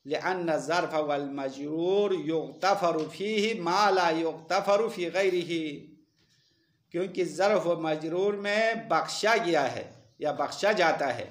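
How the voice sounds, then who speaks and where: A male teacher leading a classroom lesson. He explains step by step, quizzes his students and chants Arabic verses slowly. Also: a little high, reverberant.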